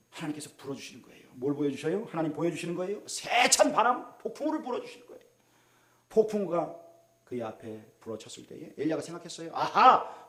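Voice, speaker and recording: A Korean pastor delivers a sermon in a fairly high, very lively voice. He lurches from loud cries down to soft, near-whispered asides and keeps asking his congregation questions. The sound rings with the echo of a church room. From South Korea. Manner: swings from loud exclamations to hushed asides, asks the congregation questions. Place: church sanctuary. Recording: roomy echo of a church hall.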